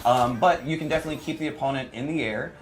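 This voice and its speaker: Against crowd noise, a man with a medium-pitched voice talks rapid-fire while demonstrating a fighting game character. His live gameplay commentary is chatty, informal and casually explanatory, with a playful, self-deprecating streak.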